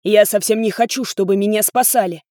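A woman's voice: brisk, dark tone, dry recording, studio quality, natural voice. A woman voicing a cowardly husband who wails in panic for rescue. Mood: panicked. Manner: shrill, panicked wailing. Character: cowardly husband wailing for help.

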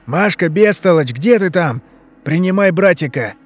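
A man's voice: on the high side, expressive, measured pace, a little mellow, soft background music, pitched above the performer's own voice. A man voicing a furious, foul-mouthed male forest monster that snarls curses and threats. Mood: gruff.

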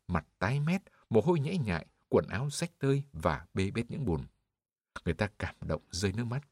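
Man reading an audiobook, low voice, lively up and down, dry close sound. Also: dry recording. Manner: expressive storytelling. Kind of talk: audiobook narration.

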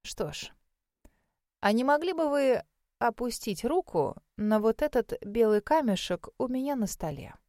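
Old male wizard examiner, put on by a woman narrator: slow, hushed, mildly probing. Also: lively intonation, no room sound, studio quality. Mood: measured, musing. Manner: slow, low, murmuring delivery. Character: elderly male magic academy examiner, mild and probing.

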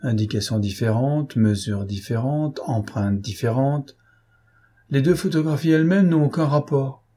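A man reading the part of a fussy, self-important investigating judge in an audiobook, with a husky voice and insistent, exasperated questions. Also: medium pitch, normal speed, dark tone, lightly acted.

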